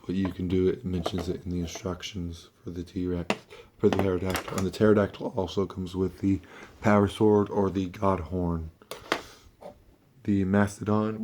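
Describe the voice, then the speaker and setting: Man, low voice, dark muted tone, sick-sounding, halting offhand toy review, background noise. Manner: offhand, halting, mildly sweary. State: sick, under-the-weather voice. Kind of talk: casual hands-on toy review, talking through steps.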